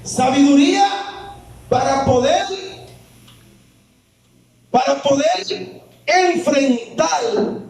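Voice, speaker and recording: A man's voice: high-pitched, dark tone, heavy reverb, recorded from a distance, slight background noise, rough recording. A man preaching a sermon as pastor, with emphatic repeats that climb and drop. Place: church.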